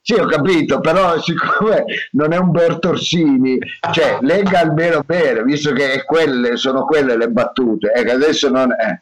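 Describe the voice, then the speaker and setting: A man's voice: on the high side, moderate pace, few pauses, poor audio. A man narrating and bossing the cast around as a mock director in a comic radio sketch, theatrical and scolding.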